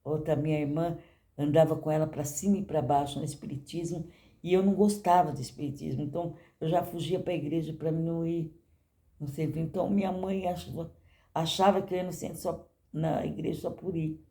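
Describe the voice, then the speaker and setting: Dark-voiced older woman giving church testimony. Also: low-pitched, fairly even intonation, fairly quick. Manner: conversational, addresses the congregation as brothers and keeps asking "you know?".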